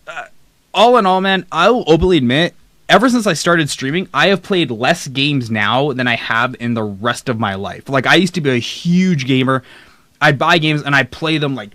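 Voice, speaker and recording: This is a young male streamer chatting casually on a live stream, rambling over a list of games and reading the chat aloud. His fairly high, bright voice has a forceful tone. He's recorded up close on a desk mic with no echo.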